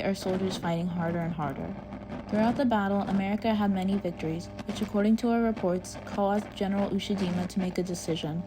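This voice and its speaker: A woman's voice: medium pitch, close to an everyday voice. A woman playing a solemn, patriotic 1940s wartime radio news reporter, reading a formal, earnest script. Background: music.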